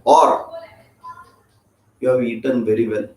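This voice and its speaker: A man's voice: medium pitch, steady tone, takes it slowly, a little mellow. A man with an Indian accent teaching an informal scripture class, chatty and joking, often checking in with his listeners. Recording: roomy echo.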